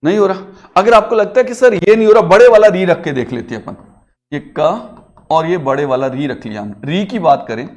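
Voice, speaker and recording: In a classroom with a digital board, a man teaches a grammar lesson in a high-pitched, brisk voice with lively intonation. He coaxes his pupils with questions he then answers himself, calling them beta.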